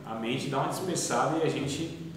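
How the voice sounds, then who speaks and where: A man with a Brazilian Portuguese accent teaching a theology class in a conversational way, asking his students questions with gentle irony. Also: mid-range voice, moderate pace. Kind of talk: classroom lecture. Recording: echoey classroom, faint background noise.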